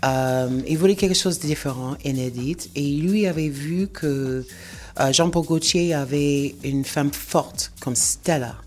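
A woman's voice: low voice, measured pace, a little mellow. A woman from Boston with an American accent, a native English speaker talking as a radio guest and mixing English words into her French. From Boston, United States. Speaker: guest performer. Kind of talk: radio interview. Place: small radio studio.

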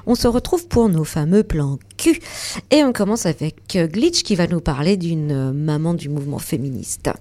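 A woman hosting a relaxed radio talk show, her voice slightly low and warm. She reads her notes calmly, with a touch of irony. Her delivery is measured and steady. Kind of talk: casual radio chat with read recommendations.

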